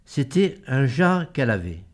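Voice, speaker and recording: A man's voice: mid-range voice, sing-song, unhurried. A man reading a novel aloud in first person, trading passages with a female reader. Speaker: audiobook reader. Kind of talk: read-aloud literary narration.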